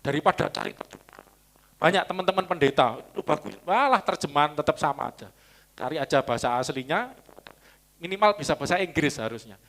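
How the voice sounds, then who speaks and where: A man's voice: fairly high pitch, expressive, fast, a bit bright. A man preaching a Sunday sermon, teaching and explaining original-language words with chatty asides. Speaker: pastor.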